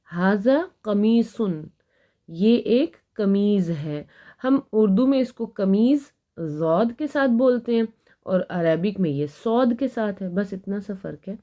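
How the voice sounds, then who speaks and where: A woman's voice: medium pitch, warm tone. Patient woman teaching Arabic grammar. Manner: patient explaining, reads Arabic examples slowly then translates. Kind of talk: Urdu-language Arabic grammar lesson.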